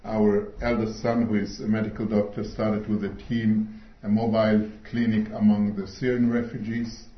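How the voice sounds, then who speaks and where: A middle-aged man delivers a sermon in slow, deliberate English, pausing often to find his words. His voice sits a little low. The recording is dull and roomy, as if captured in a hall. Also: flat delivery. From Switzerland. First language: not English. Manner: slow, earnest, pauses often with fillers. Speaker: speaker at a church meeting. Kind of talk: sermon talk.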